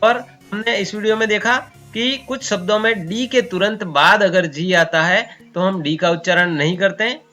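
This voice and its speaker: A man's voice: high voice, sharp tone, soft background music. A man teaching English pronunciation who spells words out sound by sound, asks the viewers questions and answers them himself. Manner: slow, spells out sounds one by one.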